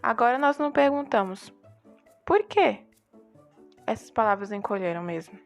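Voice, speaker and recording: A woman's voice: a little high, lively intonation, moderate pace, soft background music. A young woman, a student, explaining a book chapter to her class with rhetorical questions. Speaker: student presenting a group assignment. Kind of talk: class presentation.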